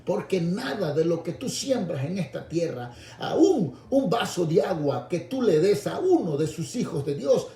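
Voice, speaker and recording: Animated preacher in a roomy echo. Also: male voice, measured pace, hardly any pauses. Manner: swings between low intimate asides and raised, shouted appeals; addresses listeners directly as "hermano". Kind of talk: radio sermon.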